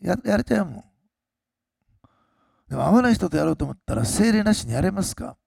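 A pastor preaching a sermon, swinging between loud, slowed emphasis and quiet, low asides to the congregation. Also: male voice, sing-song, vocal fry, breathy edge, dry recording, clean studio sound.

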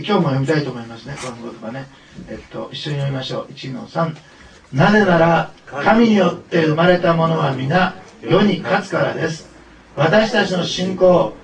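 A pastor with a slightly high voice addresses his congregation informally, with frequent fillers and asides. It's recorded in a reverberant church hall from a distant mic, with slight background noise.

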